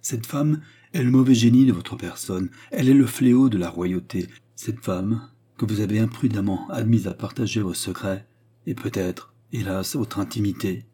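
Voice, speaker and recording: Man reading a solemn, loyal nobleman in an audiobook novel; low, husky delivery. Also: normal speed, warm tone. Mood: earnest, alarmed. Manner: grave, earnest, solemn. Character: grave, sad nobleman, loyal and stern.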